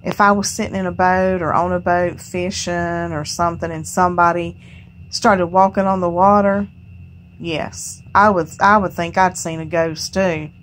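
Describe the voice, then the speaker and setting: A woman hosting a home Bible study, reading scripture aloud and musing on it in a folksy, unhurried way. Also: on the low side, level tone, a bit bright, slight background noise. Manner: folksy, unhurried, reads scripture aloud then muses on it with "you know". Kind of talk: casual Bible reading and reflection.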